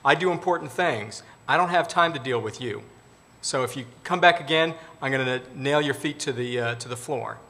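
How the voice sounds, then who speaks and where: Guy putting on a snooty bureaucrat in a joke, curt and dismissive, bright voice. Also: mid-range voice, normal speed, vocal fry. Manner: curt, brushing off. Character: self-important male government bureaucrat, dismissive.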